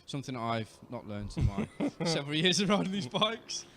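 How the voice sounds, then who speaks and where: A man with a British accent, a rider working as co-commentator, explaining racing in a relaxed way with many fillers. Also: fairly high pitch, fairly quick, background noise. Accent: British English. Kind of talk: live race commentary. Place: outdoors at a racetrack.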